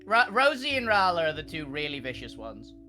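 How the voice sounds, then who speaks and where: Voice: mid-range voice, sing-song, a little fast, music in the background. A person playing in a tabletop role-playing game, bantering casually and in character, laughing readily.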